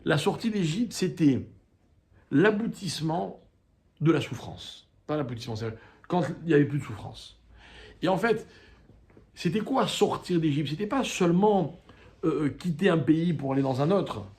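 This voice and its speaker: Animated rabbi teaching a Torah class. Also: male voice, on the high side, moderate pace. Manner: animated teaching, with rhetorical questions and calls to the class; quotes Hebrew and Aramaic texts, then translates them. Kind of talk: lecture to a live class.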